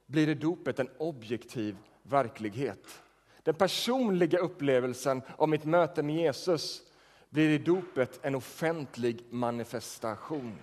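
A man's voice: fairly high pitch, darkish tone. A man preaching a sermon as pastor, talking in a conversational way and often posing questions to the congregation. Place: church sanctuary. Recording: long church reverb.

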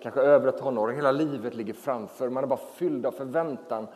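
A man in his thirties preaching a relaxed, chatty sermon full of fillers, to a congregation in a church. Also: medium pitch. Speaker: pastor. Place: church hall. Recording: reverberant church hall.

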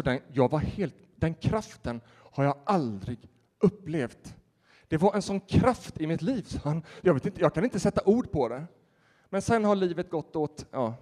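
A man who is a pastor, preaching a sermon and telling stories in a lively way with acted-out quotes. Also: on the high side. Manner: animated storytelling with laughter and acted-out quotes. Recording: reverberant hall.

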